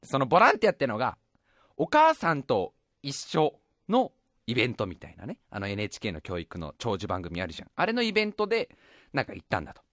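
A man hosting a show, telling a funny childhood story in a casual, slangy way and dropping to a hush for suspense. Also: medium pitch, fast, no echo, clean studio sound. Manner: animated, comic, slangy, drops to a hush for suspense. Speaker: podcast host.

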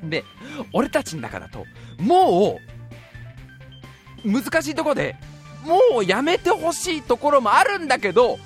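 A man hosting a show, telling a funny childhood story in a casual, slangy way and dropping to a hush for suspense. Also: extremely high pitch, measured pace, faint music behind. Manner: animated, comic, slangy, drops to a hush for suspense. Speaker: podcast host.

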